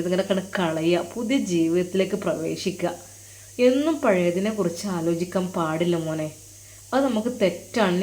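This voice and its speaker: A kindly old male religious teacher, put on by a woman storyteller, speaks. He coaxes his pupil with fond, gentle questions, at a middle pitch for a woman. The voice carries the homely tone of a spoken storybook tale. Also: lightly acted. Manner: coaxing, tender, questioning.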